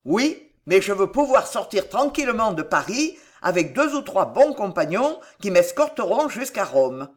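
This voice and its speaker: A woman's voice: mid-range voice, very animated, moderate pace, few pauses. A woman reading an audiobook, voicing a simple-minded giant male hired killer who speaks bluntly. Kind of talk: audiobook character voice.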